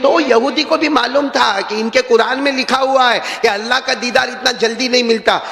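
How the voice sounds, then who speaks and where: An older man preaching a sermon in a mosque, telling stories that climb to high impassioned calls and drop to soft asides. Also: steady tone. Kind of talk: emotional Islamic sermon. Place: large mosque gathering. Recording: reverberant hall sound.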